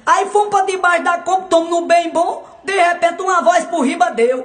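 A male comedian, telling jokes in the first person with a loud, laughing delivery. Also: extremely high pitch, normal speed. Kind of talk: comic storytelling.

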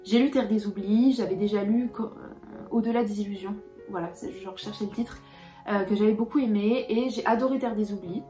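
A woman's voice: mid-range voice, fairly quick, warm tone, roomy sound, soft background music. A young woman talking casually about books she read, hesitating often with fillers and restarts. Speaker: book vlogger. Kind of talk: casual book review.

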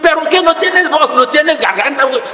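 A man's voice: very high voice, big pitch swings, fast talker, voice pushed up, exaggerated voice. A preacher playing a furious grieving father. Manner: shouting angrily, demanding. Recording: echoey hall with long reverb.

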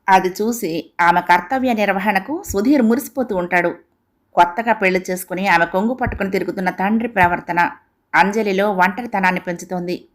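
A woman reading a family story aloud as an audiobook narrator, calm and even. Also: medium pitch.

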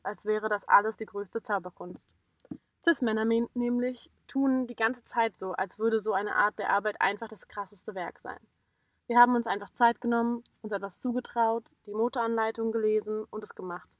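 A woman's voice: medium pitch, no room sound. A young woman narrating a sailing vlog voice-over in a frank, outspoken and critical way.

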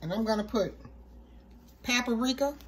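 A woman's voice: on the high side, a little slow, slight background noise, rough recording. Woman talking through a home recipe. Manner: relaxed, step-by-step, chatty asides. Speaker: cooking show host. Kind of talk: casual cooking demonstration.

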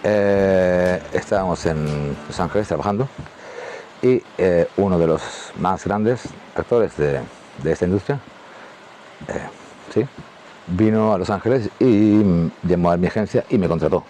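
A Spanish adult film actor with a deep, warm voice tells anecdotes casually to the camera at a measured pace, with slight background noise. He rambles, restarts often, uses many fillers, and acts out quoted lines in a raised voice.

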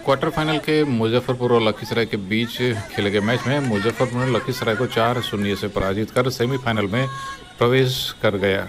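A man's voice: medium pitch, fairly quick. A man presenting a channel and reading a formal sports news report from an outdoor football ground. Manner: formal newsreader delivery. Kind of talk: read match report.

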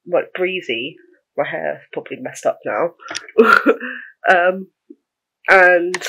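A woman's voice: lowish voice, lo-fi sound. A young woman vlogging in a casual, rambling way, chatting to the camera about her day with small laughs.

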